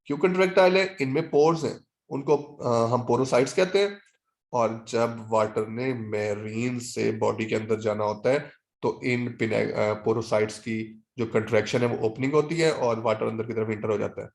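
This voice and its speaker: A man teaching zoology in a classroom lecture with a Pakistani accent. He reads English textbook lines slowly, explains them in quick Hindi-Urdu, and asks and answers his own questions. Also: medium pitch, steady tone, gravelly, a little mellow.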